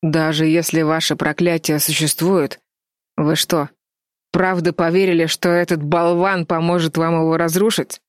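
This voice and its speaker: Lady reading as a mean sneery guy, low dark voice, slow and mocking, storybook villain. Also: little pitch movement, no room sound, studio quality, lightly acted. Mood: sneering. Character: cold sneering menacing young man. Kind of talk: audiobook character voice.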